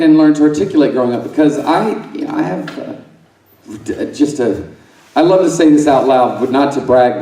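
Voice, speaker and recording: A man's voice: mid-range voice, warm tone, roomy sound, distant mic, poor audio. A middle-aged man from Alabama doing a loose, improvised stand-up set, profane and self-mocking, rambling with fillers and side remarks. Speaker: stand-up comedian. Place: conference center room with a live audience.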